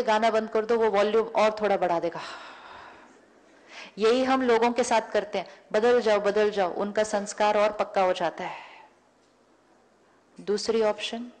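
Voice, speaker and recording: A woman's voice: medium pitch, darkish tone. A woman giving a public spiritual lecture, telling everyday stories and acting out both sides of the dialogue, often repeating key words. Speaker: spiritual teacher. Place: lecture hall before an audience.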